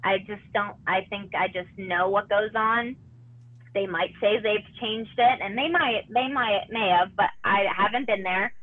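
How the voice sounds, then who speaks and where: A woman in her thirties, a former gymnast guest, talking haltingly with many restarts and sounding close to tears. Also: medium pitch. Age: 30s. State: tearful. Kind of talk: emotional personal interview. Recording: tinny phone line.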